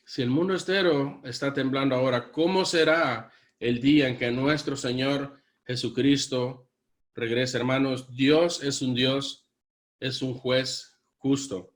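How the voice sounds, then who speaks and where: A man's voice: mid-range voice, fairly even intonation, measured pace. A man preaching a sermon as pastor, earnest, repeatedly addressing his congregation as brothers. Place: church.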